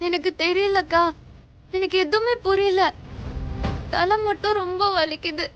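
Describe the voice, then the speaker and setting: A woman's voice: very high-pitched, muffled recording, slight background noise. A dazed, woozy young woman. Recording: TV drama with loud background music.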